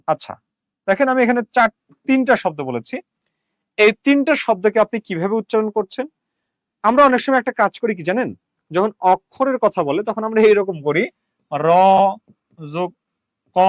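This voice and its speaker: A man from Bangladesh with a Bangladeshi accent, teaching a live online grammar lesson. He repeats words slowly, syllable by syllable, and asks the viewers questions. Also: high voice, dry recording. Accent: Bangladeshi Bengali.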